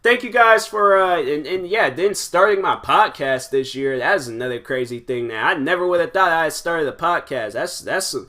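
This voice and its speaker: Young male podcast host in his twenties, bright forceful tone, loose rambling solo chat. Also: fairly high pitch, expressive, moderate pace, few pauses. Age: 20s. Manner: rambling, full of "like" and restarts. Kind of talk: casual solo podcast monologue.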